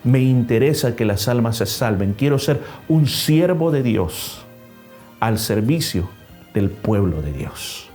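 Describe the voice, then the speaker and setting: A man's voice: mid-range voice, animated, slow, dark tone, soft background music. A man preaching a sermon in as a pastor at a church service, stressing numbered points with rising emphasis. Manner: acts out a story with changing voices.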